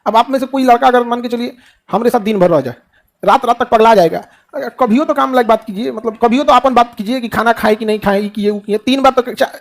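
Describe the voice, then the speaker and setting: A man's voice: very high-pitched, gravelly. A middle-aged man with a Bihari Hindi accent giving a motivational speech to students, asking rhetorical questions and answering them himself, joking in a colloquial way.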